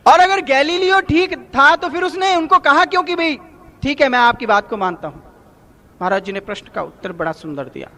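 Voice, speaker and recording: A male spiritual preacher delivering a devotional sermon. His voice sits very high and rings bright and forceful. He teaches by telling stories and anecdotes, walking listeners through each example. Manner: storytelling, explaining with examples and anecdotes. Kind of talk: satsang sermon with parables.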